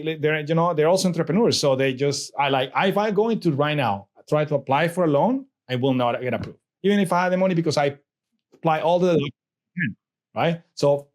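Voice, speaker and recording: This is a real estate investor being interviewed in a relaxed chat, a middle-aged man from Colombia who speaks Spanish natively and carries a Colombian accent. His voice sits a little high and sounds a little mellow. He talks in a wandering way, full of fillers and false starts.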